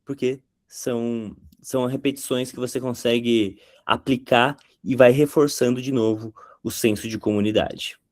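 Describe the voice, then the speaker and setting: A man's voice: medium pitch, steady tone, darkish tone, dry recording, clean studio sound. A man teaching a lesson on content creation in a conversational way. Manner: conversational, with quick impressions of catchphrases. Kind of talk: explanatory talk to camera.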